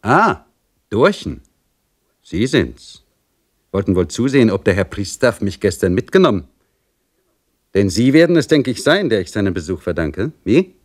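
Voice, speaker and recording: A man's voice: fairly low pitch, big pitch swings, moderate pace, long pauses, voice pushed up. A man reading aloud voices a sly young male servant who mocks and taunts in a sarcastic way. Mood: taunting.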